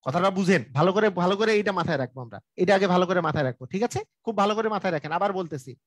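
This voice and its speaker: A man with a high voice teaches fractions live, going over each rule again and again and stopping to ask whether viewers follow. The sound is dry and close, with no room around it. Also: animated, very fast, no room sound. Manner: repetitive, drilling explanations with frequent check-ins; colloquial, speaks directly to viewers. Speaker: math teacher. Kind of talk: live online math lesson.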